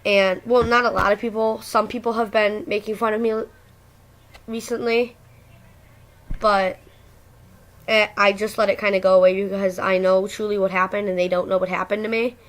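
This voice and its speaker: A woman's voice: medium pitch, little pitch movement, normal speed, pauses often. A teenage girl speaks in a mid-range voice with a speech impediment, so her r's come out as w's. She talks candidly and casually, as in a personal vlog, rambling along with some slang. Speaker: video blogger. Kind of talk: casual personal talk to camera.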